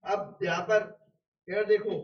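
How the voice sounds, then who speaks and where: A man gives a casual biology lecture, firing questions at his class and answering them himself with everyday examples. His voice sits high and carries around a roomy, echoing space. The recording is distant from him and dull in tone. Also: fairly even intonation, takes it slowly. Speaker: biology teacher.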